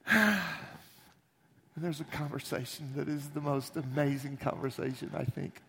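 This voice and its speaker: A man preaching a sermon, retelling a story in an animated, conversational way. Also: fairly high pitch, normal speed, creaky, a little hiss or hum.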